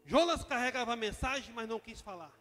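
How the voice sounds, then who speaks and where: Brazilian male pastor, impassioned sermon, high voice, echoing hall with soft music underneath. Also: animated, quick pace. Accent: Brazilian Portuguese. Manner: impassioned preaching, swings from loud to quiet. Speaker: vice-pastor.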